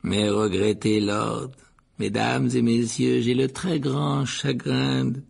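A man's voice: mid-range voice, flat delivery, takes it slowly, vocal fry, darkish tone, slightly rough, full character voice. A man voicing a proud, bitter, nearly headless ghost who speaks stiffly and gloomily in a storybook reading. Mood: stiff gloomy.

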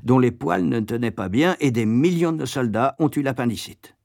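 A man voicing an old-fashioned nanny who answers calmly and with total certainty. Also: mid-range voice, moderate pace, gravelly, no room sound, studio quality. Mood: matter-of-fact. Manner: matter-of-fact, certain. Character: old-fashioned nanny, woman, calm and sure of herself.

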